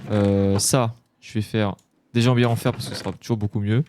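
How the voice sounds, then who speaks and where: A man's voice: lowish voice, steady tone, brisk, a little hiss or hum. Jumpy man narrating his game. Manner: chatty and jumpy, shouting when scared. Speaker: gaming YouTuber. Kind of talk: Let's Play commentary. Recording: faint game music behind.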